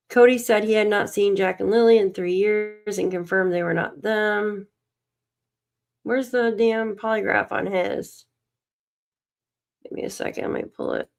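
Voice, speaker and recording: A tired woman with a medium-pitched, gravelly voice hosts a casual livestream, reading documents aloud and muttering to herself while she searches. She coughs and is losing her voice.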